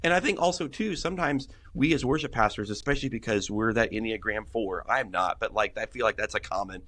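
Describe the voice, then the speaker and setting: A man's voice: fairly low pitch, brisk, a bit bright. A middle-aged man, a pastor, talking earnestly on a podcast, rambling with many restarts. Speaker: guest worship pastor. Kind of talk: casual podcast conversation.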